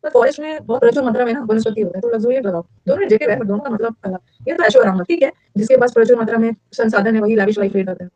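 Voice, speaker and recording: A middle-aged woman teacher rattles through a vocabulary lesson at a rapid clip. She repeats key words and fires questions at her students. Her voice sits a little high and sounds close and dry. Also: a little mellow, dry recording, dull audio. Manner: quick, drilling repetition and quizzing. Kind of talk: vocabulary lecture.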